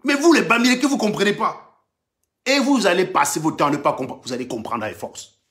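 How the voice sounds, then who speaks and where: A Cameroonian man with a Cameroonian French accent runs a livestream monologue, taunting his audience. His fairly high voice swoops widely in pitch, and he jumps from loud bursts down to muttered asides. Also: expressive, quick pace. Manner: combative and mocking, swinging between loud outbursts and low muttering. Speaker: livestream host.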